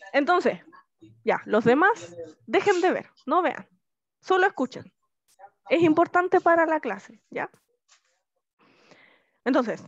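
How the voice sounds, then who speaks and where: Shrill-voiced Chilean woman teaching online. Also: no echo. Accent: Chilean Spanish. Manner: lively, checks in often with the class. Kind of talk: online class lecture. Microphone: video call. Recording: slightly muffled video-call audio.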